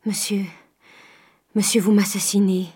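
A woman's voice: mid-range voice, flat delivery, a little slow, mellow, breathy edge, no echo, clean studio sound. A woman voicing a frail, dying older woman who speaks in a weak, faint whisper. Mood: faint, pleading.

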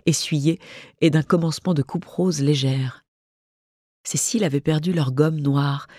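Measured literary audiobook narrator, dry sound. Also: mid-range voice, darkish tone, slightly rough, no echo.

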